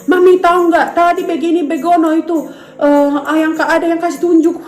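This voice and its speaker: A frightened young schoolchild pleads in a shrill, very high voice, as a woman puts the child on. The voice is loud and pressing, and it echoes around the room. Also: fairly even intonation, a little fast. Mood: upset.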